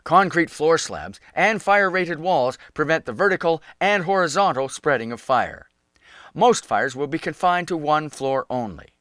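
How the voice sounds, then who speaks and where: A man narrates a scripted instructional piece. His voice sits a little higher than most men's. The delivery is measured and instructive throughout. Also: expressive, a bit bright, no room sound, clean studio sound. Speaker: safety video narrator.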